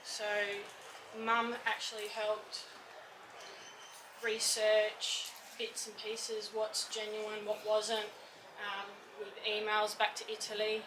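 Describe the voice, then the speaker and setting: A woman's voice: mid-range voice, completely flat delivery, slow pace, distant mic. A woman being interviewed about a motorcycle, hesitant and full of ums and uhs. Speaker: interviewee, bike shop owner. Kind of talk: casual outdoor interview. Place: outdoor motorcycle show. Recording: echoey, off-mic with loud background noise.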